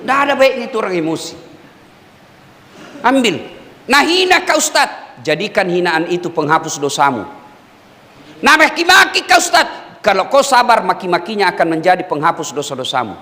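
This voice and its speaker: Makassar-accented preacher guy, high bright voice, loud then low, acts out bits, big echoey hall. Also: moderate pace, pauses often. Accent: Makassar Indonesian. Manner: lively, jumps between loud emphasis and low asides, acts out dialogue. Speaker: Islamic preacher. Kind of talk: humorous sermon to prison inmates. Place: prison hall. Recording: hall reverb.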